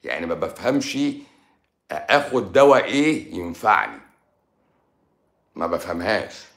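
A man's voice: sits low, very animated, unhurried, vocal fry, fairly bright tone, roomy sound. A man with an Egyptian Arabic accent talking casually on a livestream as a doctor answering viewers, blunt and teasing, sometimes dropping to a mutter. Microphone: livestream microphone.

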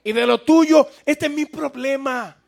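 A man preaching a sermon as a pastor, with emphatic, animated delivery and acted-out quotes to his congregation. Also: very high-pitched, a little slow, gravelly. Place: church sanctuary.

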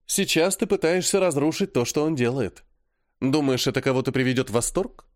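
Cool, scolding older sister, voiced by a man, dry and steady. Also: mid-range voice, brisk, no echo, lightly acted. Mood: lecturing. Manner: cool, lecturing, sharp.

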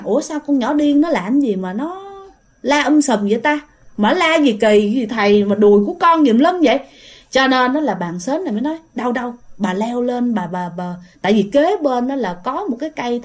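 A woman's voice: a little high, darkish tone. A woman with a Southern Vietnamese accent telling a ghost story in a chatty, casual way, often speaking to her listeners directly.

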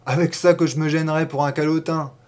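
Brief: a man doing a brash, domineering, mocking man in an audiobook, loud and emphatic, pitched up a bit. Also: expressive, measured pace. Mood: scoffing, loud. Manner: loud, scoffing, emphatic declaiming. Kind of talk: audiobook reading.

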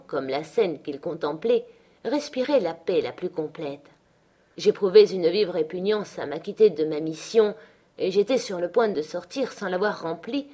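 A woman narrating a classic novel as an audiobook in a measured storytelling manner. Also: fairly low pitch, a little mellow, husky.

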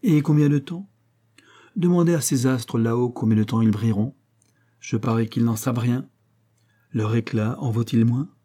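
A man's voice: medium pitch, moderate pace, pauses often, mellow, close to an everyday voice. A man reading aloud voices a flirtatious, laughing courtesan woman, with a teasing, dramatic delivery.

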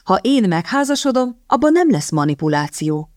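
A woman voicing a proud gentleman who speaks curtly and insistently. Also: on the high side, big pitch swings, no room sound, studio quality, pitched above the performer's own voice. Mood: stern. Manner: curt, insistent.

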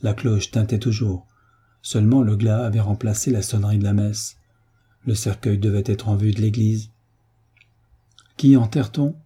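A man narrating an audiobook in French in a measured, steady reading. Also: lowish voice, slightly rough. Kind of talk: scripted narration.

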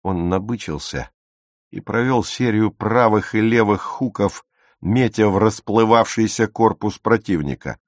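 A man narrating an audiobook with a lively, expressive reading on a close studio mic. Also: on the low side, unhurried, dry recording.

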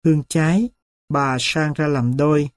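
A man reading a first-person story aloud as an audiobook narrator, in a slow, solemn and reflective way. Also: on the high side, fairly even intonation, no room sound, studio quality.

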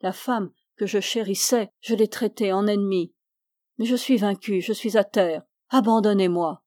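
A woman's voice: mid-range voice, moderate pace, warm tone, dry recording, clean studio sound, natural voice. A woman voicing a despairing young man torn by love in a novel reading.

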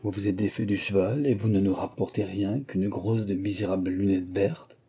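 A proud, sharp-tongued mother scolds her household with open scorn, as a man reading aloud puts her on. Her voice stays dark and husky, the tone indignant and cutting. It is a storybook reading. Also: medium pitch, animated, normal speed.

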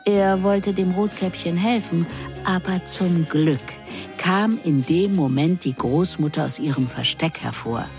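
A woman reading a first-person story aloud in a measured, expressive way. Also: on the low side. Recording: music underneath.

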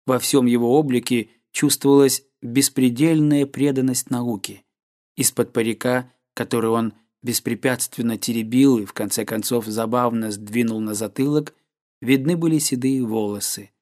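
A man narrating a classic novel as an audiobook, in a measured, even storytelling manner. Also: medium pitch. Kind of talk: scripted literary narration.

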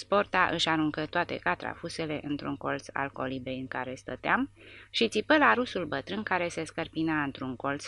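A woman narrating an audiobook with steady, measured storytelling. Her voice is low and gravelly with a sharp, bright edge, and the recording is dry and close.

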